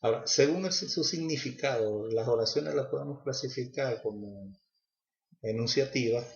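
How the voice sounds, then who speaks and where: Man, class presentation, hesitant delivery, mid pitch, roomy echo. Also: normal speed, gravelly. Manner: hesitant, with fillers and restarts. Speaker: student presenter. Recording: echoey, dull lo-fi room.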